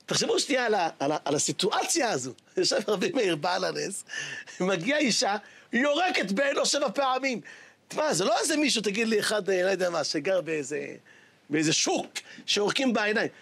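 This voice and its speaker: Brief: male rabbi preacher, dramatic exclamatory sermon, high lively husky voice. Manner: dramatic, exclamatory, shouts for emphasis. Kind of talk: sermon storytelling.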